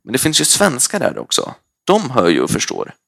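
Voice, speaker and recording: A man reading aloud voices a nervous, cautious schoolboy in a hushed, hurried way. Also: mid-range voice, huge pitch swings, creaky, pitched above the performer's own voice, exaggerated voice. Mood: alarmed.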